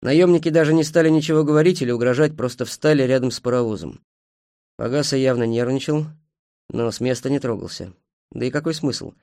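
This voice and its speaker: A man narrating an audiobook in a calm, matter-of-fact way. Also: mid-range voice, a little fast, dry recording, clean studio sound.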